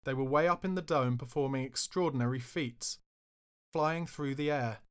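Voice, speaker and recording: A man's voice: mid-range voice, moderate pace, clean tone. A man reading his own memoir aloud in a wry, self-mocking way, bursting into raised outbursts when he quotes himself. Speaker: author narrating his memoir. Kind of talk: memoir audiobook narration.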